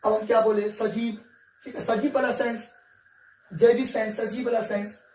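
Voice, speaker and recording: A man's voice: high-pitched, little pitch movement, normal speed, darkish tone. A male teacher, giving a whiteboard science lesson in a coaxing, repetitive way and often checking that students follow. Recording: echoey room, distant mic, faint hiss.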